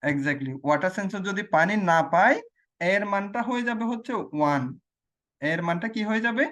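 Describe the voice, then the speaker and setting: A man's voice: high voice, lively intonation, brisk, fairly bright tone. Man who quizzes and repeats. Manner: asks questions and answers them himself, repeats key phrases. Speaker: teacher. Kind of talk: explaining logic gates on a screen demo.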